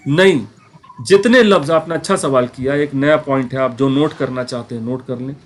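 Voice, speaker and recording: A man teaching a Quran grammar class, explaining patiently, checking in with his students and slowly repeating words to show how they are said. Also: mid-range voice. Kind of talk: online class lecture.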